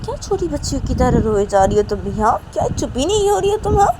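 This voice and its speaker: A woman's voice: high-pitched, big pitch swings, quick pace, background noise, voice pushed up. Manisha, a woman doing an exasperated young mother. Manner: exasperated, insistent, scolding.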